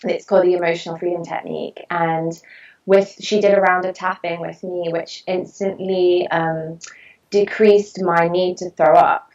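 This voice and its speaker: A woman's voice: fairly low pitch, flat delivery, moderate pace, darkish tone. Earnest woman, distant dull recording. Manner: earnest, fluent and reflective. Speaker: podcast guest, actress and body-image coach. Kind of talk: candid personal storytelling.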